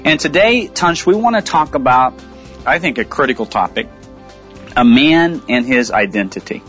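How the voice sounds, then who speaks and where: A man's voice: mid-range voice, animated, moderate pace, a bit bright. Earnest male radio ministry host. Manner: earnest, conversational, reads rap lyrics aloud. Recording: dull lo-fi studio sound with faint music.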